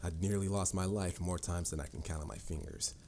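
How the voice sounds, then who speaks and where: A voice actor plays a confident, patient mage mentor in a fantasy audio roleplay, sounding instructive, boastful, encouraging, and slightly formal in a theatrical way. His voice is low-pitched and darkish with a steady tone, a little fast, and there's some hiss or hum. Music plays behind the confident storytelling.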